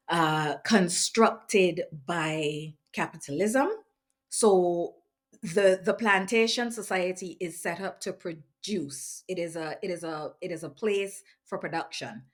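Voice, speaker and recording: A woman from Barbados, an activist speaking in an earnest, measured interview, often pausing with ums and restarts. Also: lowish voice. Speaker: activist in residence. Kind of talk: reflective interview monologue.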